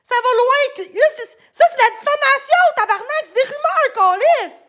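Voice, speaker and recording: Shouting Québécois woman, very high voice. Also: moderate pace. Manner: ranting, heavy swearing, frequent shouting. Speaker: livestreamer. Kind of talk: angry livestream rant.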